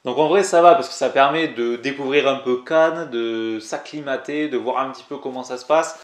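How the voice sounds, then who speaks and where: A man's voice: mid-range voice, roomy sound. A man in his twenties with a southern French accent from Toulouse, chatting casually and in slang as he tells his viewers a story. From southern France. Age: 20s. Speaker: climbing YouTuber.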